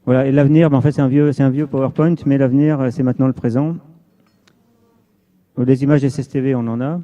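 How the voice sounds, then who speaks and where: A man's voice: medium pitch, fairly even intonation, quick pace, mellow. A man giving an informal technical presentation as an amateur radio volunteer, explaining and repeating points for emphasis. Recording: dull, muffled lo-fi sound.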